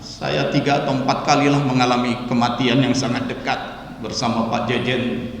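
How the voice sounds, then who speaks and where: A man preaching a sermon to a live audience indoors, telling stories with sharp emphatic rises. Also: mid-range voice, little pitch movement, moderate pace. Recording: echoey hall from far off.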